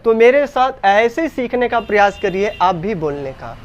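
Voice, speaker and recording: An Indian English teacher, his voice fairly high for a man, teaches English grammar in Hindi in a classroom lecture. Very animated and speaking at normal speed, he fires questions at the class, often answers them himself, and repeats each point again and again, with slight background noise.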